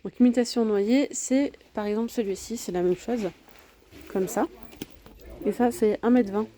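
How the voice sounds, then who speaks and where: A woman's voice: a little high, moderate pace, dark tone, a little hiss or hum. A woman chatting casually as she walks through a large home improvement store, listing prices and sizes with many fillers, recorded on a handheld phone. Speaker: vlogger touring a store. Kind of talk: casual shopping walkthrough.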